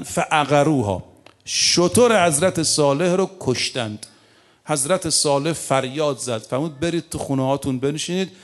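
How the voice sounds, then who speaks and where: Male preacher, slightly higher voice, storytelling sermon, chanted verse recitation. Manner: recites Arabic verses slowly, then tells stories in fast colloquial Persian.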